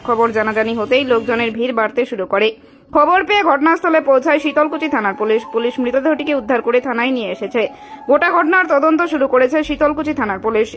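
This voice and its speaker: A woman reading a scripted news voice-over as narrator. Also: high-pitched. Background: music behind the voice.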